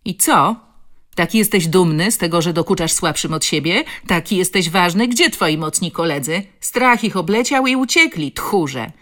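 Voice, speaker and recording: A woman's voice: sits low, normal speed. A woman voicing a fierce adult woman who defends a child, speaking in a strong, throaty, commanding tone. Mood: scolding. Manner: scolding, commanding.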